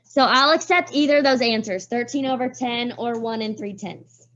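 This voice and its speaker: A woman teacher leading a math class, talking students through each step and calling on them by name, her voice a little hoarse. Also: fairly high pitch, moderate pace, fairly bright tone, muffled recording. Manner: walks students through steps, calls on pupils by name. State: voice getting hoarse.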